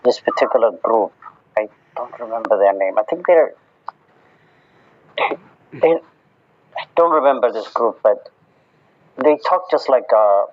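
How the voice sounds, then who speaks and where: A man's voice: mid-range voice, expressive, slight background noise. Hesitant, questioning man on a muffled line. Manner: questioning, drawn-out, hesitant with fillers. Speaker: participant. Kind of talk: casual group discussion. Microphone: phone in an audio chat app. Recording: muffled audio-room recording.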